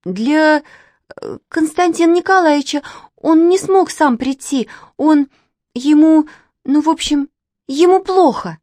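A woman's voice: high-pitched, very animated, measured pace, hardly any pauses, mellow, no room sound, clean studio sound, pitched above the performer's own voice. A woman reader voicing a bold little girl who blurts things out and pleads, in a children's storybook. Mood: blurting.

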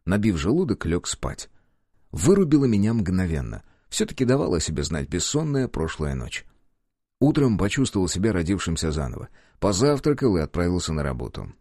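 A man narrating an audiobook in the first person, with expressive storytelling. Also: deep voice, fairly quick, no room sound, clean studio sound.

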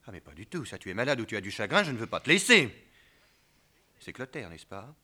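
A man's voice: lowish voice, sing-song, brisk, bright, forceful tone, exaggerated voice. An actor playing a naive, doting husband who fusses over and coaxes his wife in a 1950s French stage play. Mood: worried. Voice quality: fussing, coaxing, talkative.

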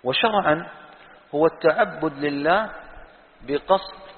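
A man teaching a Quran exegesis lesson, reciting verses slowly and putting questions to his students. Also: fairly high pitch. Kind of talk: classroom tafsir lesson. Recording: tinny phone-like sound in a reverberant hall.

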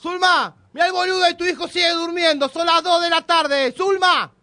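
A man as a blustering, exasperated Argentine father in a radio comedy sketch. His high-pitched voice yells and scolds over a dry, close sound. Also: fairly even intonation, normal speed, no echo, full character voice. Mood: scolding. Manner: blustering, yelling. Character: exasperated middle-aged father scolding his lazy son.

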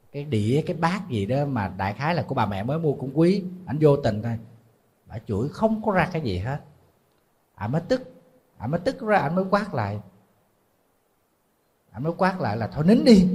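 A Southern Vietnamese monk giving a dharma talk, telling a story in an easy, conversational way. His voice is a little husky and sits at a medium pitch for a man. He calls himself "thầy" as he talks. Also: a little mellow. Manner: conversational, refers to himself as "thầy", laughs at his own slips. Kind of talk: sermon storytelling.

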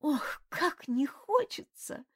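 A woman voicing an impulsive young noble lady in an audiobook, with high, exclaiming lines. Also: very animated, takes it slowly, no room sound, clean studio sound, heavily acted. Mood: fretful, exclaiming. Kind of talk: audiobook character voice.

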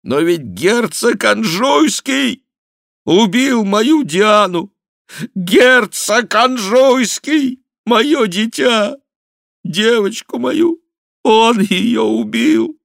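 A man's voice: on the low side, takes it slowly, dry recording, clean studio sound. A man reading the part of an old baron maddened by grief for his daughter, in wailing, accusing outbursts. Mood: anguished. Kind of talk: audiobook character reading.

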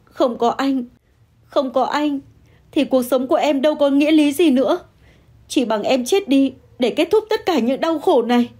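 A woman voicing a scheming young mistress who shouts, wails and pleads through tears. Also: fairly high pitch, normal speed, lightly acted. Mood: tearful wailing.

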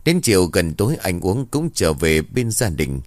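A man narrating a rural ghost story in a steady, even storytelling manner. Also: low-pitched, moderate pace, dry recording, studio quality.

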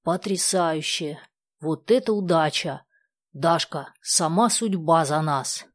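Storybook figure: a woman playing a keen teenage boy, lowish and hurried. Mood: excited. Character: excited teenage boy, the girl's friend.

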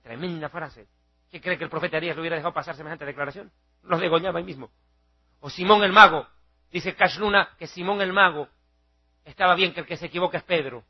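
A male preacher giving a fiery, mocking televised sermon, acting out shouting crowds. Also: a little high, fast talker, breathy edge, dull audio.

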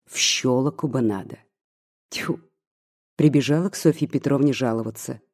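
A reader voicing a spiteful, gossiping old maid who mocks and pries, with a husky, mellow voice. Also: medium pitch, normal speed, lightly acted. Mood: indignant. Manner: mocking, scolding, prying.

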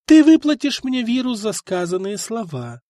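A proud princess gives orders in a cold, firm, disdainful tone, as a male narrator voices her. The voice sits raised and lively, pressing hard on threats. The sound is close and dry. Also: extremely high pitch, normal speed, dry recording, pitched above the performer's own voice. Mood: icy. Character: proud, icy noblewoman princess, commanding.

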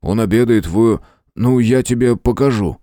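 A man's voice: medium pitch, moderate pace, dark tone, no echo, voice pushed up, lightly acted. A blunt, loyal soldier, put on by a male narrator speaks earnestly in a slightly raised voice. The read is dry and close. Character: blunt soldier brother, grown man, loyal.

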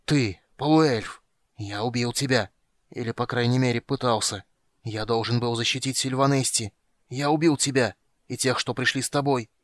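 A man's voice: mid-range voice, fairly even intonation, normal speed, no echo, lightly acted. A man reading aloud, voicing an anguished, frenzied old elf king in an audiobook. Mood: raging. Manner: anguished, crying out.

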